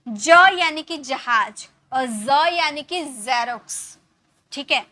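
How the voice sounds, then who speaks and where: High bright-voiced woman teaching. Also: lively intonation, slow. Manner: patient, repeats points with frequent check-ins. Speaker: English teacher. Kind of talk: explanatory online lesson.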